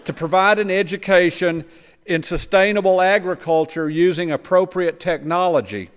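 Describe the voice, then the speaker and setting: A missionary agriculture lecturer with a high, smooth voice speaks at normal speed in a church sanctuary, giving a plain, explanatory slide presentation about farming work. He sometimes trips over his words, and the room adds long church reverb.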